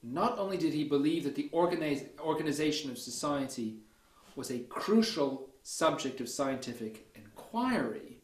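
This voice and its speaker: A man delivering a university history lecture in a measured, deliberate way, often checking in with "okay" and starting points with "so". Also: fairly high pitch. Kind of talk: academic lecture. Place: lecture room. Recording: echoey lecture room.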